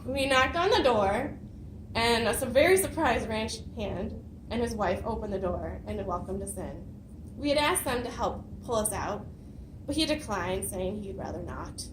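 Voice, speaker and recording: A woman giving a prepared personal story speech at a speaking club, telling it with lively dramatic emphasis. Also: mid-range voice, normal speed, noisy background. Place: meeting room. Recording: roomy hall, mic at a distance.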